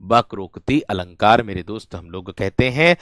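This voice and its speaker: A man's voice: fairly low pitch, animated, moderate pace, fairly bright tone, no room sound, clean studio sound. A man teaching a grammar lesson to students, repeating each phrase again and again and calling them his friends and brave ones. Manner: repetitive, drills each phrase over and over. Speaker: Hindi teacher.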